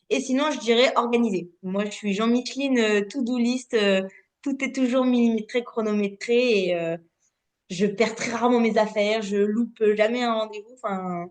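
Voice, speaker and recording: A fairly high-pitched woman in her late twenties from the Paris region, France, tells her story as a guest on a casual podcast interview. An osteopath, she speaks in a lively, chatty way, full of fillers and restarts.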